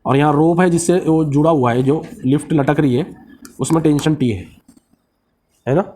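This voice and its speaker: A man's voice: fairly high pitch, normal speed, warm tone, a little hiss or hum. A man teaching a physics lecture with a Marathi-influenced Hindi accent. He mixes English technical terms into his speech, asks the class questions and answers them himself.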